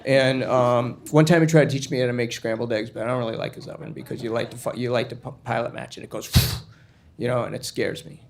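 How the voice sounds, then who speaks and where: A man's voice: mid-range voice, fairly even intonation, fast talker, a little hiss or hum, natural voice. A man voicing a chatty, innocent young boy who rambles eagerly. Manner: eager, rambling, wide-eyed.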